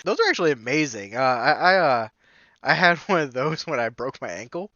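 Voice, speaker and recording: Podcast co-host guy, sharp bright voice, jokey quick comments, muffled dry mic sound. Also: mid-range voice, big pitch swings, no room sound. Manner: quick joking interjections. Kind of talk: casual chat.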